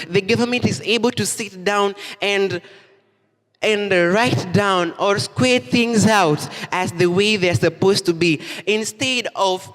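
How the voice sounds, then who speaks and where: A man's voice: sits high, fairly bright tone. A Kenyan teenage boy giving an emphatic, rhetorical debate speech as a student debater. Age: late teens. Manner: emphatic, rhetorical, urges the audience to imagine. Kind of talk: formal competitive debate speech. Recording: reverberant school hall.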